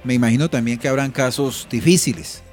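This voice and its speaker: A man's voice: medium pitch, fairly quick, darkish tone, faint music behind. A man co-hosting a radio interview, asking curious follow-up questions. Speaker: radio co-host.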